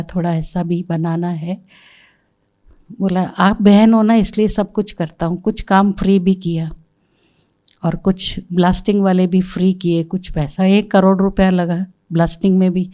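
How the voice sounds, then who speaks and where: A middle-aged woman, a spiritual center administrator, telling a storytelling talk and quoting people in dialogue. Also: medium pitch. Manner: animated, quotes people in dialogue.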